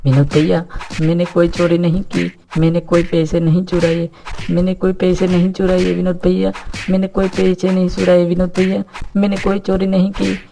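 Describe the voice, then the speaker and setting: An actor playing a poor, kind orphan youth from a village who talks humbly and pleads, in a cartoon story. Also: male voice, on the high side, flat delivery, normal speed, mellow, a little hiss or hum, lightly acted. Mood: pleading. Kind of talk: Hindi cartoon voice acting.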